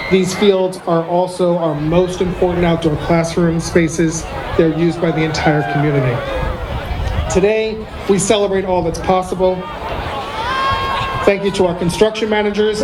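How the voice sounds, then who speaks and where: A man giving a formal podium speech as a school leader hosting an outdoor ceremony, speaking in measured, separated phrases. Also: high voice. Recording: noisy outdoor recording with crowd sounds.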